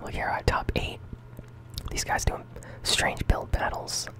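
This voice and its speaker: A gaming channel host giving whispered ASMR commentary on a game. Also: a little slow.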